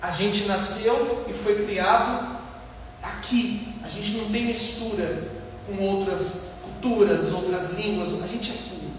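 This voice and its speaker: Preaching slowly in a high-pitched voice, a Brazilian man serving as pastor teaches on a Bible passage with emphasis, rhetorical questions and repetition of his points. He is captured by a distant microphone in an echoey hall, and faint noise is present.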